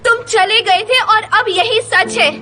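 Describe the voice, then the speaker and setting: A woman's voice: very high voice, steady tone, a little slow, pushed and bright, soft background music, full character voice. A woman dubbing a tough, defiant young woman who looks after her siblings, in a dubbed TV drama. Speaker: dubbing actor. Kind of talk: Urdu dub of a TV drama.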